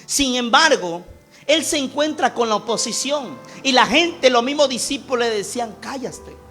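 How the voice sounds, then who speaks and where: Male pastor, impassioned sermon, high bright voice, music underneath. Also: expressive, normal speed. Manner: impassioned preaching, swings from loud to hushed. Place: church.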